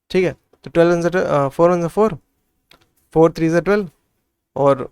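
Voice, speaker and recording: A man's voice: high-pitched, darkish tone, clean tone, no room sound, studio quality. A man working through maths problems step by step as a tutor, thinking aloud and often checking in with the listener. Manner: thinks aloud, frequent "theek hai" checks. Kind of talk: solving textbook problems step by step.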